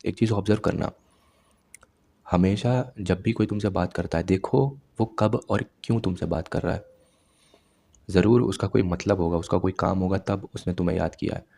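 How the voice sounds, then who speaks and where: Low gravelly young man lecturing. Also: fairly even intonation, moderate pace, warm tone. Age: 20s. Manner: lecturing, direct second-person advice. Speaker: self-improvement vlogger. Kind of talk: advice monologue to camera.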